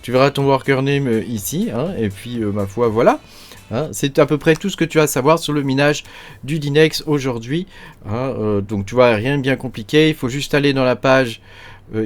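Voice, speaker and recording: A man giving a casual screen-share tutorial on crypto mining, chatty and informal, sprinkling his talk with fillers and addressing the viewer directly. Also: medium pitch.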